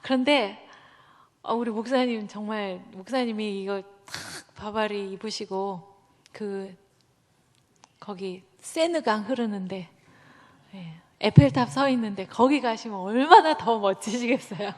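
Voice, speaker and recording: A middle-aged woman, a church elder, giving a testimony with lively storytelling, acting out the voices she quotes. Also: mid-range voice, unhurried. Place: church sanctuary. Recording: long reverb of a church hall.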